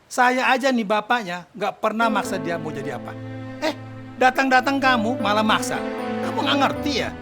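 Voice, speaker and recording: A man's voice: sits high, expressive. A middle-aged actor playing a stern, short-tempered father who drives a bajaj, in a comic TV serial. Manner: gruff, quick to scold. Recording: very loud music behind.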